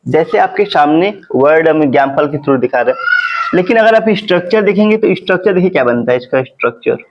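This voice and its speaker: A male teacher giving a phonics lesson, repeating words slowly and asking questions to the class. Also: fairly high pitch, expressive, muffled recording, a little hiss or hum. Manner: slow, repetitive, drawn-out teaching.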